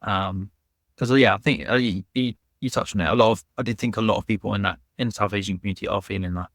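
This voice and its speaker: A man with a low voice hosts a podcast interview. He puts questions to his guest in an easygoing, conversational way. The recording is close and dry. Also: quick pace, a bit bright, dry recording. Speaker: podcast host.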